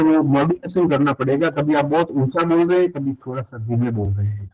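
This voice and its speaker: An older man giving a recorded university lecture, explaining points one by one and switching often into English phrases. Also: high-pitched. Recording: dull lo-fi recording.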